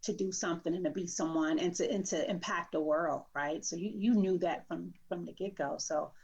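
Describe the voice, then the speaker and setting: A woman's voice: on the low side, normal speed, gravelly, darkish tone, husky. A woman hosting an interview, casual and affirming, often checking in with "right?". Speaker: interview host. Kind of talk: conversational interview.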